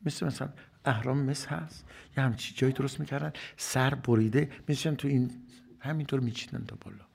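A man's voice: mid-range voice, fairly even intonation, vocal fry, darkish tone, husky. A man giving a religious sermon, asking rhetorical questions and answering them himself, rising to emphatic bursts and dropping to whispered asides. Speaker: preacher.

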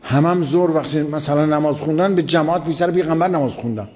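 A fairly high-voiced man preaches in a relaxed, chatty way, repeating words to drive each point home. His voice rings with a long hall reverb. The recording sounds dull and lo-fi. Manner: vivid retelling with emphatic repetition. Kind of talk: colloquial religious storytelling lecture.

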